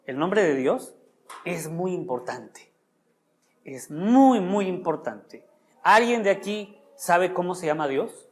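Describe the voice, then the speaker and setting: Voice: medium pitch, expressive, slow. Preacher, Sunday sermon in church, teaching tone, questions to the congregation. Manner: teaching, asks the congregation questions, lingers on key words.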